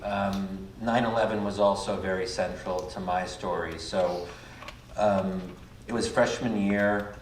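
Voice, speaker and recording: Low-voiced man in an echoey hall. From United States. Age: 30s. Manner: reflective, many um fillers. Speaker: panel guest. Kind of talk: public panel talk. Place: public event hall. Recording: echoey hall, mic at a distance, faint noise.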